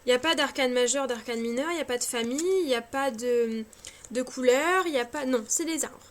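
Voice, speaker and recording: A woman's voice: high-pitched, fairly quick. A tired woman chatting casually about card decks, hesitant and self-mocking, with many fillers and restarts. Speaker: cartomancy vlogger. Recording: faint scratching background noise.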